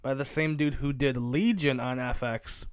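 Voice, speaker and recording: A man's voice: medium pitch, fairly even intonation, moderate pace, clean tone, dry recording. A man hosting a casual solo commentary podcast, rambling, cursing and correcting himself as he goes. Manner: rambling, self-correcting and profane. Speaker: podcast host.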